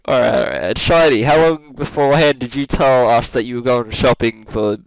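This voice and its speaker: A man's voice: mid-range voice, fairly quick, gravelly, clean tone. Easygoing male podcast host on a call. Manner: laid-back, laughs easily, teasing. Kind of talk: casual gaming podcast chat. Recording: dull lo-fi voice call audio.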